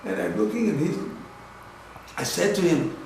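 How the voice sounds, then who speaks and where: A man's voice: high-pitched, expressive, normal speed, gravelly, darkish tone, slight background noise. Man, rabbi giving a lecture, storytelling, repeats himself, acts out dialogue, echoing room.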